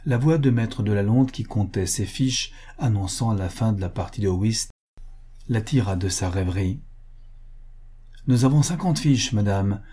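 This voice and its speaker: Husky, low-voiced male narrator. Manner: measured, even reading. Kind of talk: audiobook narration.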